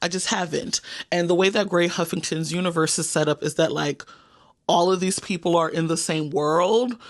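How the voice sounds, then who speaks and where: Chatty woman with a gravelly voice. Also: deep voice, no echo, studio quality. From New York, United States. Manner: chatty and playful, addresses viewers as y'all and baby. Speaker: booktuber. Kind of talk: casual chat reviewing books.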